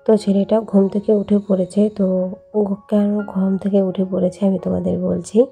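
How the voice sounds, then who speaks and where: Hoarse, hushed woman with gravelly voice. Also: mid-range voice, level tone, a little fast, faint music behind. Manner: speaking softly and hushed; chatty, rambling with fillers. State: hoarse from a cold. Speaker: vlogger. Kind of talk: late-night voice-over narration.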